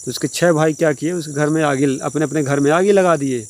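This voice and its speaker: A man's voice: on the high side, a little fast, darkish tone, slight background noise. Man rambling through a village folk tale. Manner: plain, rambling, repetitive. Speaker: storyteller. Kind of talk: casual oral folk storytelling.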